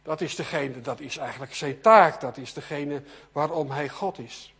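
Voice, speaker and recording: A man preaching a sermon, swinging between loud emphatic bursts and quiet, low passages. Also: moderate pace, gravelly, breathy edge. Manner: animated, rising to loud emphasis and dropping to soft.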